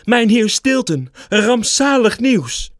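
A man voicing a panicking female mouse editor, shrill and breathless, close to tears, in a storybook reading. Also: sing-song, slow, no echo, exaggerated voice. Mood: alarmed.

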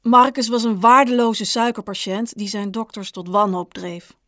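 A woman author reading her own short story aloud in a calm, measured, understated way. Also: mid-range voice, no echo, clean studio sound. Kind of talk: audiobook narration.

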